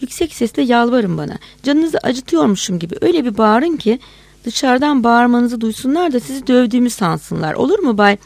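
Woman putting on a frustrated male policeman, high-pitched, loud, gravelly edge. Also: sing-song, fairly quick, no room sound, heavily acted. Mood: coaxing. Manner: wheedling, then shouting curses. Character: frustrated male policeman, pleading then enraged.

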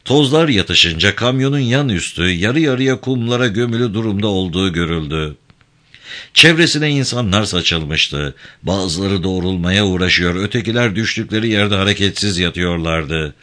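A man reading a novel aloud in a dramatic, measured audiobook narration. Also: deep voice, expressive, a bit bright.

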